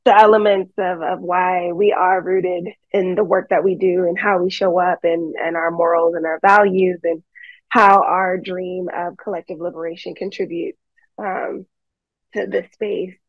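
Low-voiced woman on a video call. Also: little pitch movement, no room sound. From United States. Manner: halting, many fillers and restarts. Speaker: organizer speaking on a webinar. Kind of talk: unscripted panel remarks. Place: home, seated by a staircase. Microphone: phone or laptop on a video call. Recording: dull lo-fi call audio.

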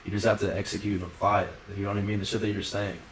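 Young male podcast host, low voice, quick loose chatter full of fillers, roomy off-mic sound. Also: level tone, distant mic, a little hiss or hum. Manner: rambling, filler-heavy, lots of "like" and swearing. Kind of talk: casual podcast chat.

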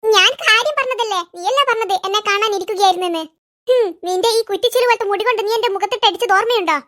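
A performer doing squeaky cartoon family voices. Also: quick pace, bright, forceful tone. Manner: squeaky, sped-up cartoon voice bickering in comic quarrels. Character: squabbling cartoon kids and their mother, all shrill and silly.

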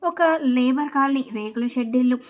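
A woman narrating a serial family story in a steady, even storytelling manner. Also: high-pitched, normal speed.

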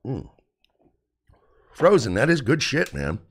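A man hosting a radio show, telling a comic story in an animated, profane way. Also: medium pitch, takes it slowly, slightly rough.

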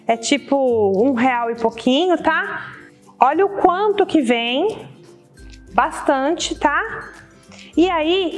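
A Brazilian woman with a high-pitched voice hosts a casual how-to. She talks chattily to the viewers and often checks that they follow. Music plays softly behind her. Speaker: balloon decoration tutorial host. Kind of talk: casual instructional demonstration to camera. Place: indoor studio set with balloon wall and table.

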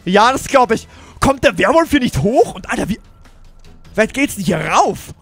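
A young man with a very high, bouncy voice hosts a casual gaming roleplay. He jokes around and keeps breaking off to talk to his viewers, with faint music behind him. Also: normal speed, breathy edge. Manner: excitable, jokey, keeps turning to address viewers. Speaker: let's play host.

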